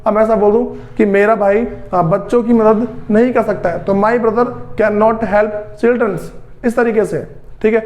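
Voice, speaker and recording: A man with a high voice teaches English grammar to his students. He talks slowly, repeats each rule, and keeps clearing his throat between the steps. His first language is Hindi. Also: fairly even intonation, darkish tone. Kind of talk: spoken grammar lesson.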